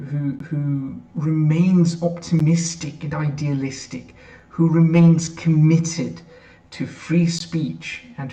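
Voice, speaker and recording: A man giving an earnest prepared tribute as a member of an editorial board, pausing on "um" fillers. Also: a little high, mellow, highs cut off. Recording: echoey room, mic far off.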